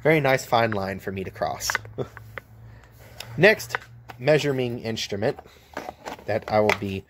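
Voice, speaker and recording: A man's voice: on the low side, lively intonation, slow, background noise. An American man, a welder, giving a casual hands-on demo of his tools, blunt and joking, filmed one-handed at an outdoor work table. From United States. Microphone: handheld camera mic, filming one-handed.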